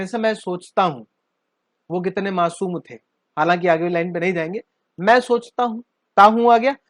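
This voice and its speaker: A man's voice: sits high, no room sound, studio quality. A man from northern India, teaching spoken English at a board in a playful way, often checking in with his students. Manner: playful, addresses students directly, checks understanding with questions.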